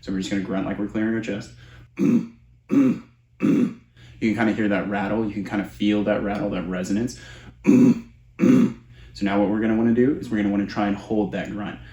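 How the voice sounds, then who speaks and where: Man, low-pitched voice, casual vocal coach, explanatory tutorial delivery, echoey room. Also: flat delivery, racing, hardly any pauses, darkish tone. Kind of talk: instructional tutorial with vocal demonstrations. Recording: roomy echo.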